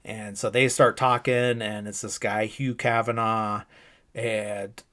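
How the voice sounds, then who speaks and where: Podcast host, male, lowish voice, loose rambling recap, leans on fillers. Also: flat delivery, slow pace, a bit bright. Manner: rambling, heavy use of fillers. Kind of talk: casual movie recap.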